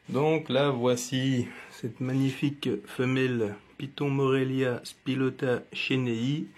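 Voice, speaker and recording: A man with a Jura French accent talks casually about his snake in a husky, slightly breathy voice. His pitch sits in an ordinary middle range. He speaks in a relaxed way, pausing often on fillers. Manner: relaxed, hesitant with many fillers. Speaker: reptile keeper and channel host. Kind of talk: casual video presentation. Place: indoors beside a terrarium.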